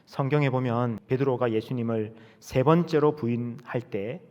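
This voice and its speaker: A male pastor preaching a sermon, telling the story dramatically and moving between loud and hushed delivery. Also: medium pitch, normal speed, muffled recording. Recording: reverberant church hall.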